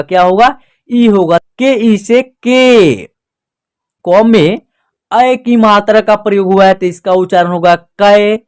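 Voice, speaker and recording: A patient teacher explaining step by step in a clear, smooth voice of medium pitch. The teacher keeps posing little questions aloud and answering them at once, repeating each point so it sticks. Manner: slow, patient and repetitive explaining. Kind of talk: spoken classroom lesson.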